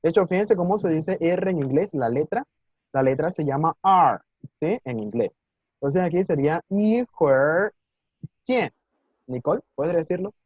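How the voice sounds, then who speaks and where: Patient man teaching slowly, muffled call audio. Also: on the high side, dark tone, no room sound. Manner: patient, encouraging, explains slowly with many "¿sí?" checks; sounds out Mandarin words slowly and clearly. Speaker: Mandarin teacher. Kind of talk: live online language class.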